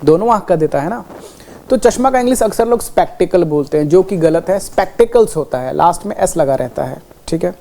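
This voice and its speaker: A woman teaching English grammar in a classroom lesson. She explains with everyday examples, checks in with "okay" again and again, and slows right down to spell out the English example sentences. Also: mid-range voice, mellow. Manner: explains with everyday examples, repeats "ठीक है" often.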